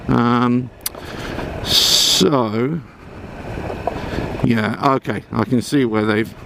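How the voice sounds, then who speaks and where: A man's voice: medium pitch, drawn-out words, vocal fry. A man giving casual, rambling commentary while riding a motorbike outdoors, speaking from inside a helmet. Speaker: motorbike vlogger. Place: outdoors on a motorbike on a country trail. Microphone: helmet-mounted mic. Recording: engine and wind noise outdoors.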